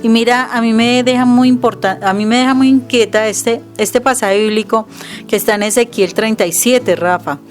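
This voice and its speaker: A middle-aged woman with a Colombian accent and a fairly high voice gives religious teaching in a conversational way. She is earnest and emphatic, often quoting scripture aloud. Soft music plays faintly behind her. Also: fairly even intonation, normal speed. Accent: Colombian Spanish.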